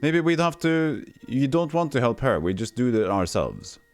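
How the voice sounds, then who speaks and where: While playing a retro game on stream, a Texan man with no regional accent chats casually, reading the game text aloud and replying to viewers. He talks at normal speed in a sing-song, mid-range voice, and faint music sits in the background.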